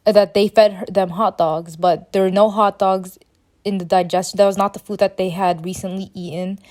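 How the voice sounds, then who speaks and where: A young woman co-presenting a student podcast, summarizing a case in an unscripted, halting way with many fillers and restarts. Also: medium pitch, darkish tone.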